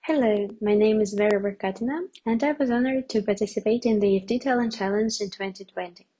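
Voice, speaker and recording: A woman's voice: medium pitch, fast talker, warm tone, slightly rough, poor audio. A young woman, politely reading out a prepared question to a guest. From Russia. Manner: formal, polite. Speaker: student asking the guest a question.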